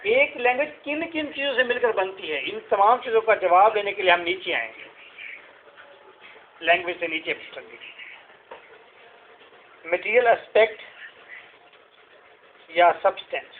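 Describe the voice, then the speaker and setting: A man teaching in a classroom, his voice pitched high and tinged. He explains patiently through repeated questions and everyday examples. The sound is thin and lo-fi, with a faint hiss underneath. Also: measured pace, long pauses. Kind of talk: classroom lecture. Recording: tinny lo-fi classroom recording.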